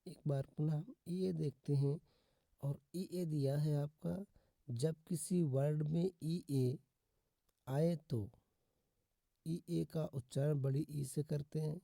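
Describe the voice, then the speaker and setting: Slow, dark-voiced male tutor. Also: fairly high pitch, fairly even intonation, creaky, no room sound. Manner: slow, repetitive teaching with drawn-out example words; addresses viewers as "friends" repeatedly. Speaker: English pronunciation teacher. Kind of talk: Hindi-language phonics lesson.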